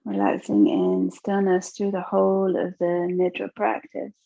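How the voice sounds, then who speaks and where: A yoga nidra teacher leads a guided relaxation, speaking very slowly and gently with long pauses between soothing instructions. Her lowish voice has a creaky, gravelly edge and big pitch swings, and the recording is dry and a little dull.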